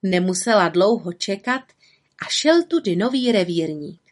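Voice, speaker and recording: A woman reading a children's story aloud in gentle, even narration. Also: mid-range voice.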